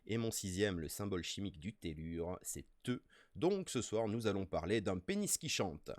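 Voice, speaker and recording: A man with a French accent hosting a casual nature live stream, playful and excitable as he reads the chat aloud. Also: lowish voice, normal speed, dry recording, clean studio sound. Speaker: streamer host.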